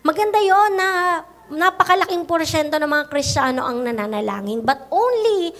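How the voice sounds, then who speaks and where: A woman pastor with a Filipino accent preaching a sermon, mixing Tagalog and English and often asking "di ba?", slowing down to stress key phrases. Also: sits high, animated, a bit bright. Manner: mixes Tagalog and English, frequent "no?" and "di ba?" tags.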